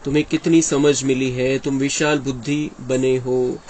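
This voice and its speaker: A man's voice: mid-range voice, flat delivery, measured pace, darkish tone, a little hiss or hum, low-quality recording. A man giving an earnest devotional discourse, explaining and often quoting his teacher. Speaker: spiritual speaker explaining a daily discourse.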